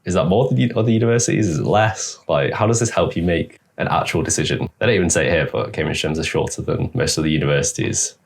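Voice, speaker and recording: A man's voice: extremely low pitch, gravelly. A young man hosting a reaction video, casually commenting on clips with sarcastic asides. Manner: sarcastic, talks back at clips with quick asides.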